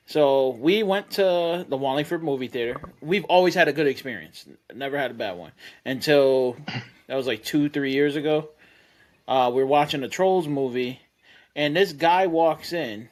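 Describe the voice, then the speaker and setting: Animated, profane man telling a story. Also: medium pitch, a little hiss or hum. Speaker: podcast panelist. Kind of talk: casual storytelling chat.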